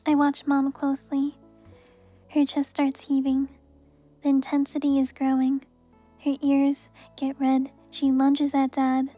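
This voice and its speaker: A young woman reading a book aloud in a soft, even ASMR reading voice. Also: high voice, a little slow, soft background music. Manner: soft, even reading voice with brief laughs at the text.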